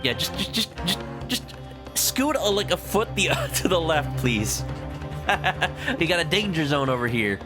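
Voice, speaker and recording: A man's voice: on the high side, measured pace. A man streaming a video game with casual, joking commentary, playful in manner, with game music behind. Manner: playful, animated.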